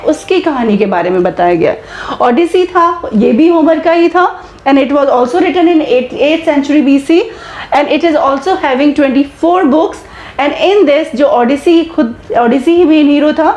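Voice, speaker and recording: A woman teacher giving an exam-prep lecture, switching between Hindi and English, slowing down for English terms and often checking in with "okay" and quiz questions. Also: sits high, darkish tone, roomy sound. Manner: mixes Hindi and English, slow deliberate English phrases.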